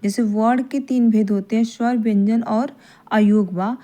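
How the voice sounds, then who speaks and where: Woman teacher, fairly high voice, patient explainer who repeats points and checks in with "okay". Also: steady tone, dark tone. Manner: repeats points, often adds a checking "theek hai"; draws out vowel sounds slowly to demonstrate. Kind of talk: grammar lesson.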